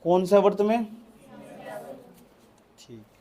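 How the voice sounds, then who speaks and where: A man with a high voice teaches a chemistry class. He repeats each phrase slowly for dictation and keeps checking with questions whether the students have understood. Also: fairly even intonation, warm tone. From India. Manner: repetitive, coaxing, asks students questions. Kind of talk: classroom lecture dictating notes.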